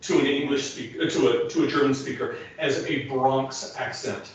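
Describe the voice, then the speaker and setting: A man's voice: medium pitch, steady tone, moderate pace. Man coaching in an echoey hall. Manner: gentle, playful, detailed coaching with self-deprecating jokes. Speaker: voice teacher leading a masterclass. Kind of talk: masterclass coaching. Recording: echoey hall, distant mic, dull sound.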